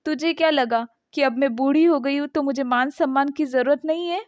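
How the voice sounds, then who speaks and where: A woman's voice: sits high, fairly quick, dry recording, lightly acted. A woman voicing a proud older mother who is hurt by her son but loves her family. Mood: stern. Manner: stern, dignified. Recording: dull dry lo-fi sound.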